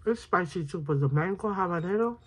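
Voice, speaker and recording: A woman's voice: fairly low pitch, expressive, fairly quick, breathy edge. A woman chewing food as she talks casually between bites in an eating vlog. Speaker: mukbang vlogger.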